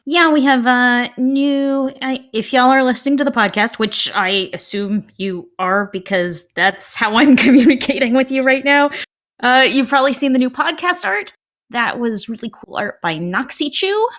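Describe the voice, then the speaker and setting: A woman's voice: high voice, moderate pace, fairly bright tone. A woman co-hosting a podcast in a casual, conversational style. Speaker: podcast co-host.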